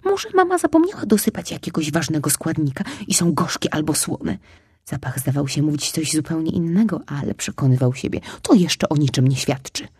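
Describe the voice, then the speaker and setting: A woman reading a children's story aloud in a lively, soft, expressive way, sometimes whispering. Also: sits low, fairly quick, breathy edge, dry recording, studio quality.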